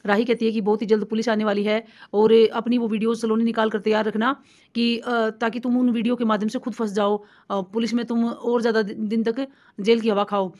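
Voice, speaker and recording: A woman narrating a recap of a TV serial episode in a rapid, run-on retelling with fillers. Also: on the high side, little pitch movement, a little mellow. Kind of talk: fast story recap narration.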